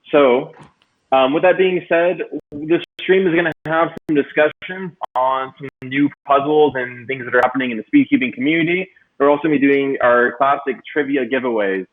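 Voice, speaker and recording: A man hosting a livestream in a loose, chatty way with many fillers, his voice coming through a robotic, metallic-sounding mic on a video call. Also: medium pitch. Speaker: livestream host. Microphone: computer mic on a video call. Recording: tinny, phone-like online call audio.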